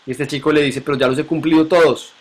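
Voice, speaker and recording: A man's voice: on the high side, fairly even intonation, fast. A man teaching a Bible lesson to a class, asking questions and repeating key points.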